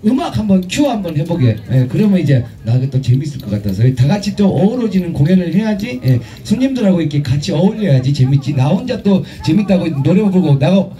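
A man emceeing a street performance at an outdoor festival, teasing the crowd with crude jokes and shouting music cues. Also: sits high, sing-song, quick pace, few pauses.

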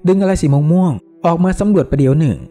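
A man reading a novel aloud as an audiobook narrator, with expressive, animated narration. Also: on the high side, fast talker, faint music behind. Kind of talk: storybook reading.

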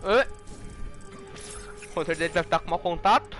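A man with a Brazilian accent giving excitable, slangy live fighting game commentary, full of jargon. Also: on the high side, moderate pace. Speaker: esports match commentator. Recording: game music behind the voice.

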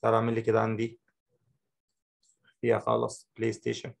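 A man with an Egyptian accent teaching a software tutorial, talking the viewer through each step and repeating short phrases. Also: lowish voice, completely flat delivery, fast talker, gravelly. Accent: Egyptian Arabic. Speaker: Photoshop instructor. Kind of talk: screen-recorded software tutorial.

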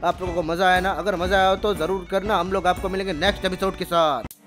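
A man giving excited gameplay commentary with banter, loudly teasing and yelling at the dinosaurs in street slang, on a headset mic at a home gaming setup. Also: high voice, fast, over music. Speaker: gaming YouTuber.

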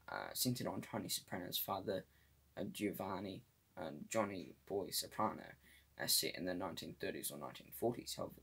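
A man's voice: low voice, gravelly, a bit bright, slightly rough. A man giving a casual solo movie review, hesitant and full of fillers, often tripping over names.

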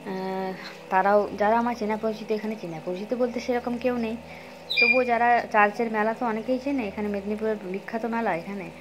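Holding her phone at arm's length in a small room at home, a young woman vlogger chats casually to her viewers, addressing them directly and slipping English words into her speech. Her voice is mid-range, and the recording sounds rough.

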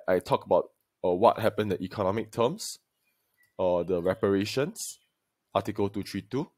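A male secondary school history teacher with a lowish voice records a video lesson, lecturing in a deliberate, emphatic way and addressing his students directly.

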